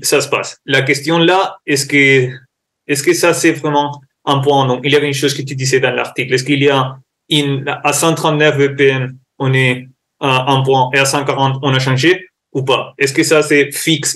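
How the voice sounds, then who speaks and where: A man's voice: medium pitch, a bit bright. Spanish-accented man, hesitant podcast guest. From Spain. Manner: searching for words, hesitant. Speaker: sport science researcher, guest. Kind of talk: interview.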